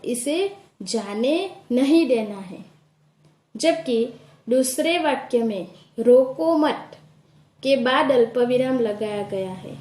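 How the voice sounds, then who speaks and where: A woman teacher with a Gujarati accent giving a slow, deliberate grammar lesson, repeating and rephrasing each point for her students. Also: fairly high pitch, dark tone, reverberant. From India. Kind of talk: classroom lesson explaining grammar.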